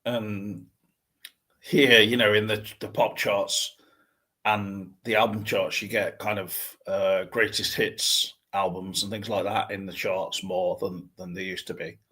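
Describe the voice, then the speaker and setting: A middle-aged man talks casually with a husky, slightly low voice. He is hesitant and thoughtful, rambling his way through each point as a co-host. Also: flat delivery, measured pace, bright, forceful tone. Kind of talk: casual chat.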